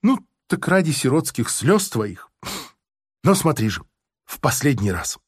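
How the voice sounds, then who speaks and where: A man's voice: mid-range voice, very animated, unhurried, slightly rough, no room sound, clean studio sound. Man doing a smug, sanctimonious army officer. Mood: smug, oily. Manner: unctuous, moralizing, then gleefully shouting.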